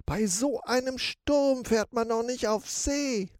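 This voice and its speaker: A man voicing a squeaky, fearful male ship's rat in a storybook, shrieking in panic. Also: slow, no room sound, clean studio sound. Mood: alarmed.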